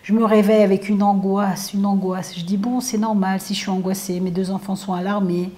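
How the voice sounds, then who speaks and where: A woman's voice: mid-range voice, flat delivery, fairly quick, warm tone. A middle-aged woman, mother of a fallen soldier, tells personal memories and dreams with feeling, acting out the dialogue she quotes. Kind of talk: emotional personal recollection.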